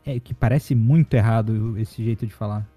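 A man's voice: lowish voice, steady tone, normal speed, dark tone, dry recording, soft background music. A man with a Brazilian Portuguese accent co-hosting a casual comedic chat, playful and teasing. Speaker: co-host.

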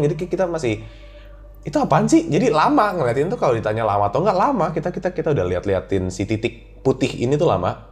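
A young man with a Jakarta accent, animatedly telling a childhood ghost story in a casual podcast chat. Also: medium pitch. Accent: Jakarta slang. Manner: animated storytelling, acts out his own childhood voice. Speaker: guest storyteller.

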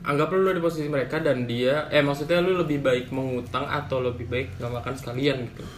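A man's voice: medium pitch, fairly even intonation, quick pace, reverberant, slight background noise. A young man co-hosting a podcast, casually posing questions and explaining with examples. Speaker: podcast co-host. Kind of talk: casual banter.

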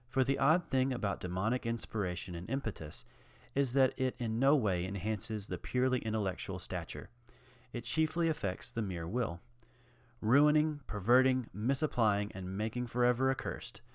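A man narrating a documentary in a measured, earnest storytelling manner, reading out quotations. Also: on the low side, no echo, studio quality. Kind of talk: scripted narration.

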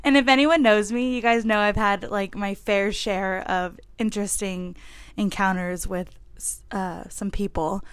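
Young woman, nasal stuffed-up voice, medium pitch, dry close sound, candid unscripted podcast talk. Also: steady tone, unhurried, clean tone, no echo. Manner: candid, rambling, informal with swearing. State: congested and sniffly from a cold. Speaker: podcast host. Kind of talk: casual unscripted solo podcast chat.

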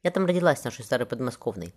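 A man reading the part of a warm, spirited young noblewoman in an audiobook, in a tender, lightly raised voice. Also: medium pitch, big pitch swings, racing.

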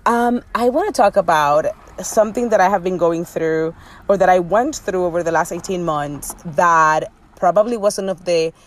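A woman with a Dominican accent speaking as a podcast host and business coach, in a candid, conversational motivational monologue addressed straight to listeners. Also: fairly low pitch. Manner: conversational, direct address, with frequent y'all.

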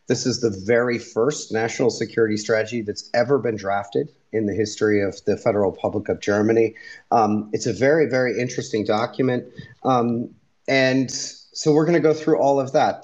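A man's voice: mid-range voice, fairly even intonation, moderate pace, a little mellow, highs cut off. A man hosting a panel discussion, giving an unscripted introduction and commentary. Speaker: host.

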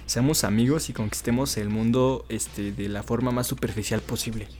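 A man's voice: mid-range voice, fairly even intonation, normal speed, a little mellow. A young man with a Mexican accent, co-hosting a podcast in casual chat, rambling with fillers and laughing often. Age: young adult. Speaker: podcast co-host.

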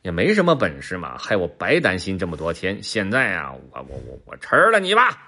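A man's voice: low voice, very animated, brisk, sharp tone, heavily acted. A man voicing a wary, scheming male tiger in a children's story, stammering and exclaiming as he sizes up his prey. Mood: mocking.

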